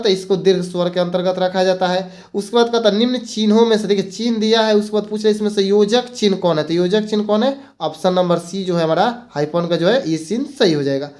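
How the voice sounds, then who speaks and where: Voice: medium pitch, fairly quick, few pauses, darkish tone. A teacher gives an exam-prep grammar lesson, repeating points and mixing in English words. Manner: asks rhetorical questions and answers them.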